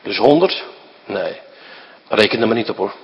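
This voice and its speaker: A man's voice: fairly low pitch, expressive, normal speed, in a large hall, muffled recording, slight background noise. A man preaching a sermon in a church, emphatic and firing rhetorical questions at his listeners.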